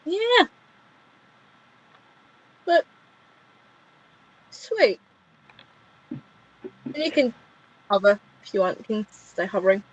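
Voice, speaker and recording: A woman's voice: fairly high pitch, very animated, slow, pauses often, lo-fi sound, heavily acted. A woman voicing a young female ship captain who fusses over a friend, earnest and pleading. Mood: pleading, caring.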